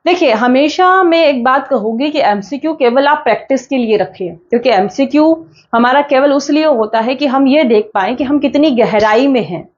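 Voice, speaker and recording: A woman with a high voice teaches an exam-prep class, patient and methodical. She repeats each point and asks herself questions, then answers them. The audio sounds dull and lo-fi.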